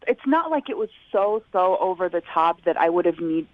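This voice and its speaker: Calling in as a guest on a radio segment, a woman speaks candidly yet tactfully, hesitating and hedging as she recounts events. Her fairly low voice is expressive and moderately paced, and the dry phone-call recording sounds muffled and band-limited.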